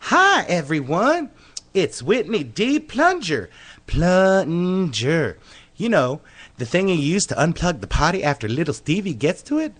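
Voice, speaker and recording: A man's voice: on the high side, big pitch swings, unhurried, fairly bright tone, heavily acted. A man playing a flamboyant, flirtatious male dance instructor who gushes giddily, in a comedy radio sketch. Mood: giddy. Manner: gushing, giddy and flirtatious.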